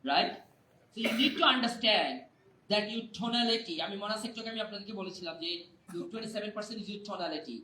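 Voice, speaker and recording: Male speaking coach, very high and sharp voice, fires questions at a crowd, echoey hall, distant mic. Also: measured pace, slight background noise. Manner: energetic, keeps quizzing the audience for replies. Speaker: public speaking trainer. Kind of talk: live motivational workshop. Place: hall with a live audience.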